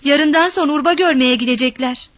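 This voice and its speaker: A woman's voice: high-pitched, a little fast, fairly bright tone, dry recording. A woman voicing a defiant, tearful young village girl in a read story.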